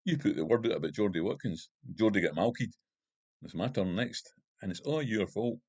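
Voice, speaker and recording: A man's voice: lowish voice, animated, moderate pace, darkish tone, breathy edge, no echo. A man voicing a drunk, belligerent, middle-aged Glasgow gangster with a Glaswegian accent and coarse, swearing speech. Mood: menacing. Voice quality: coarse, swearing, slurred by whiskey. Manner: belligerent and panicky.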